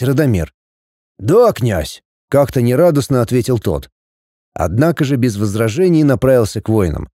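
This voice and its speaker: Wry, warm-voiced male storyteller. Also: mid-range voice, dry recording, studio quality. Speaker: narrator. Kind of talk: audiobook reading.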